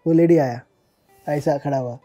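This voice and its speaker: Male interview guest, mellow tone, chatty anecdotal delivery, light English mixing. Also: fairly high pitch, moderate pace, faint music behind. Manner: chatty, mixes English words, laughs while recalling. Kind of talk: casual personal storytelling.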